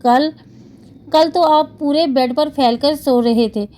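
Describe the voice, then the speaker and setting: A woman's voice: sits high, mellow, slight background noise, natural voice. Woman reading as a tearful, fiery young wife. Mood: defiant. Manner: choked, tearful and snapping. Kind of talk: novel reading.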